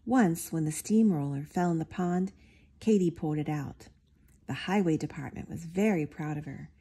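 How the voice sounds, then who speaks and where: A woman reading a picture book aloud, giving the characters lively, expressive voices. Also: low voice, normal speed, husky. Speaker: storybook reader.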